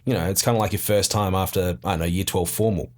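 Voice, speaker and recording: A man's voice: low-pitched, steady tone, fast talker, a little mellow. A man with an Australian accent chatting casually on a podcast, laid-back, rambling and self-mocking. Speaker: podcast guest. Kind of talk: casual chat.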